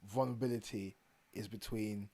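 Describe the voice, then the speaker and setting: A young man co-hosting a casual podcast chat, laughing often and trailing off quietly when he turns serious. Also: on the low side, steady tone, moderate pace, vocal fry. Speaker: podcast co-host.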